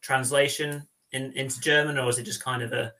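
A man hosts a football podcast with a bright, sharp tone. His voice sits at a middle pitch. He speaks hesitantly and pads his talk with "um" and "kind of". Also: level tone, brisk. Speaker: podcast host. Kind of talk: casual podcast hosting.

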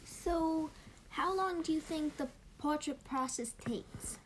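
A woman's voice: high voice, slow pace, rough recording. A woman playing a prim, fussy talk show hostess in an improvised comedy interview. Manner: prim and fussy, correcting her guest. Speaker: host.

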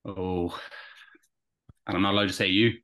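A man's voice: deep voice, fairly even intonation, normal speed, fairly bright tone. A young man with an Irish accent chatting casually and keenly as a rower being interviewed. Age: young adult. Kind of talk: casual chat.

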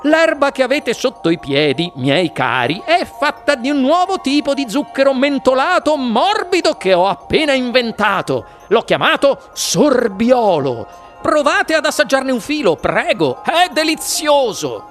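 A man's voice: very high voice, very animated, unhurried, fairly bright tone, faint music behind, voice pushed up, heavily acted. A man reading the part of an eccentric, enthusiastic chocolate maker in an audiobook, coaxing and showy. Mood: exuberant.

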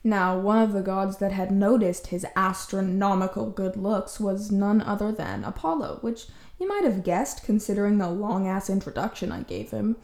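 A woman's voice: medium pitch, moderate pace, vocal fry, hardly any pauses, darkish tone, echoey room. A woman hosting a podcast with casual, chatty comedic storytelling and wry, playful asides, recorded in an empty room. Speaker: podcast host. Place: indoors, empty room in a new home.

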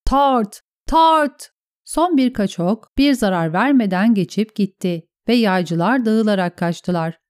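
Brief: woman audiobook narrator, mellow dark tone, dry close sound, steady. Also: medium pitch, no room sound. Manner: steady storytelling.

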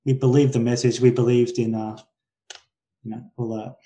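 At normal speed, in a dark, mid-range, level voice, a Brisbane man in his forties with a Queensland accent speaks as a podcast guest in a casual conversational interview. He is hesitant, repeatedly correcting and rephrasing himself and letting thoughts trail away.

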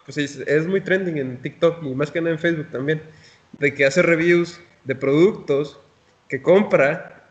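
A man's voice: a little high, highs cut off. A young man with a Guadalajara Mexican accent, co-hosting a podcast in casual, profane chat and laughing often as he talks. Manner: slangy, profane, laughs often while talking. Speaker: podcast co-host.

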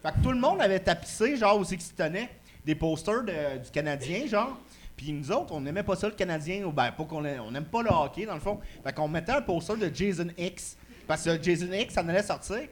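A man with a Quebec French accent telling a casual story, excitable and swearing now and then. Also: high-pitched, fairly quick, slight background noise.

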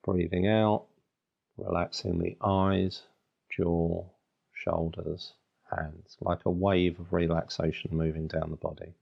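Male meditation guide, very creaky and husky, unhurried short phrases, flat delivery. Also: low-pitched, lo-fi sound. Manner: soothing, unhurried instruction in short phrases with long pauses.

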